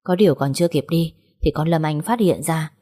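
A woman voicing a grieving middle-aged father in an audiobook, speaking in a plain, even way. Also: low-pitched, a little fast, slightly rough. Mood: grave.

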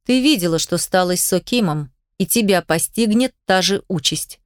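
A woman's voice: lowish voice, expressive, normal speed, no room sound, studio quality, close to an everyday voice. Young male herald, icy and defiant, controlled cold delivery, woman reader.

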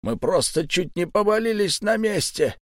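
A man voicing a sly, smooth-talking old pirate captain whose mock friendliness hides a threat, in an audiobook. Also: sits high, expressive, normal speed, no echo, studio quality, pitched above the performer's own voice. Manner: mock-friendly, coaxing, menacing underneath.

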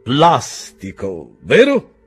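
A man's voice: medium pitch, wildly swooping pitch, extremely slow, slightly rough, pitched above the performer's own voice, exaggerated voice. A man reading as a theatrical mocking humanist. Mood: mocking grandiloquence. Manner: declamatory, mocking. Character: eloquent sarcastic Italian humanist man, theatrical.

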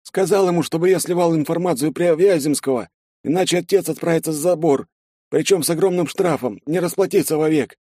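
Scared young soldier guy begging, voice way up high and strained, a man putting it on, dry close sound. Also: brisk, dark tone, no room sound, natural voice. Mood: frightened pleading. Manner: high, pleading and frightened. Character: terrified young male sergeant, near tears.

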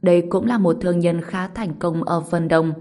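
Woman narrator, audiobook narration, steady and brisk, lowish voice.

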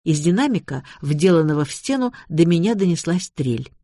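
A man's voice: a little high, very animated, normal speed, dark tone, no echo, clean studio sound. A man narrating an audiobook. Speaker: audiobook reader. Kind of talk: scripted narration.

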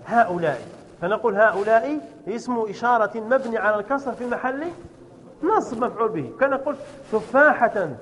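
A man with a high voice teaches a grammar class and walks through repeated examples. He keeps asking his students whether it is clear. The sound carries a long hall reverb with faint background noise. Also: a little fast, a bit bright. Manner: quizzes students, repeatedly checks understanding; explains step by step with repeated examples.

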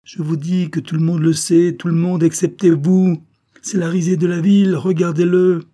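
A man reading aloud and voicing a fierce old female servant, with shrill, furious outbursts. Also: flat delivery, moderate pace, warm tone, close to an everyday voice. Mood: shrieking.

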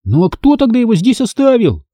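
A man reading an audiobook who voices a timid, excitable little boy who believes in ghosts, in an eager, insistent whisper. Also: high-pitched, moderate pace, dry recording, studio quality, pitched above the performer's own voice.

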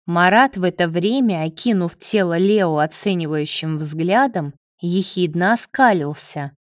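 Slow, low-voiced woman narrator. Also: no echo, studio quality. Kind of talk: audiobook narration.

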